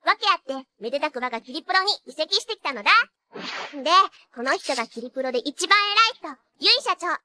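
A woman voices a perky, cheeky teenage idol magical nurse in an anime, complete with cutesy catlike tics. Her high, animated voice is quick, pushed and bright, a full character voice that sounds bubbly and excited, moving between character acting and excited narration.

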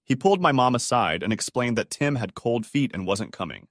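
A man's voice: mid-range voice, expressive, brisk, a bit bright, no echo, clean studio sound. A man reading out dramatic stories as a storyteller. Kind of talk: scripted story narration.

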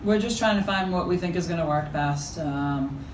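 A middle-aged woman, the head coach, gives postgame press conference answers in a fairly low voice, speaking haltingly with many fillers and restarts. She talks into a table mic a few feet away in an echoey press room with a backdrop. A steady hum runs underneath.

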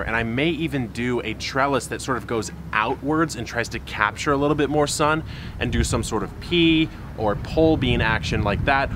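A man in his thirties hosting a casual garden tour vlog, talking straight to a camera held close to his face, chatty and upbeat. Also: medium pitch. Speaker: gardening channel host. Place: outdoor front and side yard garden by a street, then a garden shed. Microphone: handheld camera close to face. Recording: outdoor street noise audible.

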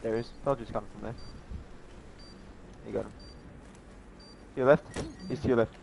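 A man on voice chat calls out enemy positions in quick bursts and teases his teammate, his pitch sitting in the middle for a man. A faint noise sits behind him. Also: steady tone, creaky. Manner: teasing, rapid directional callouts. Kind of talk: casual gaming callouts.

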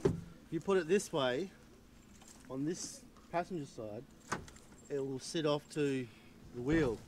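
A man's voice: fairly high pitch, a little slow. Australian man guiding a driver outdoors. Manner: calling out directions to a driver. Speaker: off-road vlogger. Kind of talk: casual chat while fixing a vehicle. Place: outdoors beside vehicles. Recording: loud engine and outdoor noise.

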